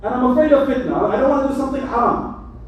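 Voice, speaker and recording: A man preaching as an imam in a mosque, animated and joking as he speaks. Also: very high-pitched, quick pace, highs cut off. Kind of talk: mosque sermon. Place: mosque hall. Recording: echoey hall, mic from far.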